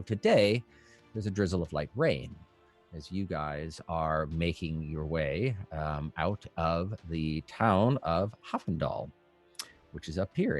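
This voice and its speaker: Brief: lower-voiced male game master, hesitant fantasy narration, faint music behind. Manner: halting, many ums and restarts.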